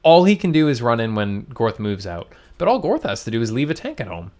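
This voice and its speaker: A man doing lively, joking commentary on a strategy game match. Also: mid-range voice, a little fast. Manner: excitable, joking. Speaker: caster. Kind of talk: esports commentary.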